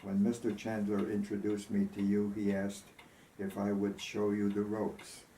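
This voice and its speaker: A man's voice: fairly low pitch, completely flat delivery, a little slow, mellow, natural voice. A man reading the part of a tender, grieving woman who recalls her lost love, earnest and reflective, in a storybook reading. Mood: tender, wistful. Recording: roomy echo, faint background noise.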